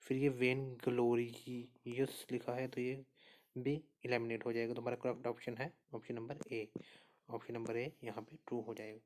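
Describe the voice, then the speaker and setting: A man's voice: mid-range voice, normal speed. Man steadily explaining quiz answers. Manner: steady explainer, repeats answers and says "okay" often. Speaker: exam prep teacher. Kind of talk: spoken lesson walking through quiz answers.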